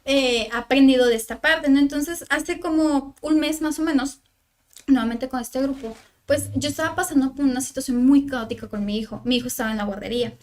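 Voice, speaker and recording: A woman's voice: sits high, brisk. A young woman with a Mexican accent, a psychologist guest on a parenting podcast, telling a personal story in conversation and acting out the lines of those involved, with many fillers. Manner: recounts dialogue, filler-heavy with "o sea" and "le digo".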